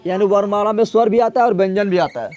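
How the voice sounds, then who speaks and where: High-voiced teacher drilling syllables. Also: male voice, fast, darkish tone, slight background noise. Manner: drills syllables aloud, quizzes students, scolds them. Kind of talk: classroom grammar lesson.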